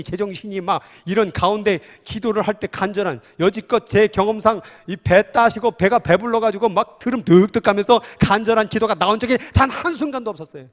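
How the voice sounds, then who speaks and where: A male pastor with a high, ringing voice preaches fervently. His emphatic words spill out in passionate bursts, and a long reverb trails every phrase. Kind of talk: sermon.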